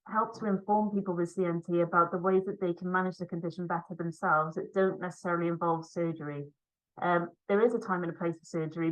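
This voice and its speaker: On poor audio, a woman from Cardiff talks to a conference remotely over video, her voice fairly low. A physiotherapist who is also a para rower, she has a slight Welsh accent and a relaxed manner with many ums.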